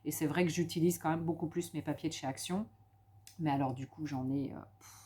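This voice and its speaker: A French crafting vlogger sits at home chatting about the craft supplies she picked up, her deep, warm voice moving fairly quickly in a steady tone. It's a casual haul, full of enthusiasm and little hesitations and repeats.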